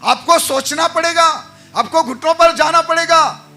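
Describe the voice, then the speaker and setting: Male pastor, sermon, very high pitch, keeps asking rhetorical questions, soft music underneath. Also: measured pace. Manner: exhorting with repeated rhetorical questions.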